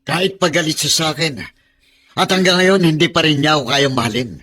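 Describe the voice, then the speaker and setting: A man's voice: fairly high pitch, fairly quick, sharp tone. An actor in a Filipino radio drama playing a possessive, domineering older man who talks in an insistent, scolding and emotional way.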